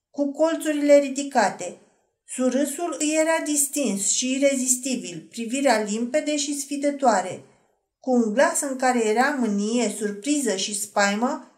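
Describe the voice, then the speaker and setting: High-voiced woman reading an audiobook. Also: darkish tone. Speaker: audiobook narrator. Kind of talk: scripted audiobook narration. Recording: roomy echo.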